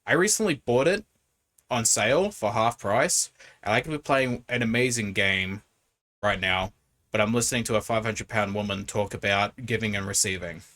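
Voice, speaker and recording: A man's voice: lowish voice, normal speed, a bit bright. A man hosting a reaction video, giving casual commentary in a critical, explanatory way.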